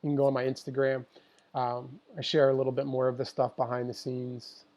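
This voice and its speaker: A man's voice: medium pitch, little pitch movement, a little fast, darkish tone. A man who works as a dog trainer, talking to viewers on a live stream with passion and emphasis, often repeating his points. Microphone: computer mic for a live stream.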